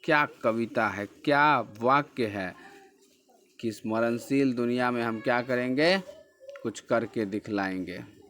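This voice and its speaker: A man's voice: mid-range voice, unhurried, fairly bright tone. A man teaching a textbook lesson, patiently explaining, repeating key words and asking questions that he then answers himself. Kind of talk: slow classroom explanation of a textbook chapter.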